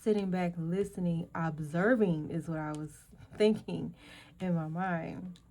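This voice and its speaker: Her voice dark-toned and fairly low with fairly steady intonation, a woman leads a spiritual energy reading as host. She lists words singly with pauses and filler sounds, speaking haltingly while repeatedly clearing a throat that's losing its voice.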